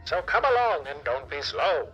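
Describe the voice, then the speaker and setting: A man's voice: fairly high pitch, sing-song, normal speed, sharp tone, slightly rough, lo-fi sound, soft background music, exaggerated voice. A man voicing a theatrical male jester announcer in a sing-song, old-timey showman delivery. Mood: showy.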